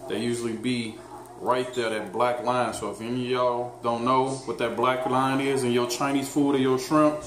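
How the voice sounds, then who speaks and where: A man in his thirties, a fitness vlogger, casually shows viewers how to cook dinner with his daughter in their home kitchen, teasing and talking straight to camera. His mid-range voice stays level at a normal speed, with a crowd audible behind him. A camera mic on the counter picks up an echoey room and loud background noise.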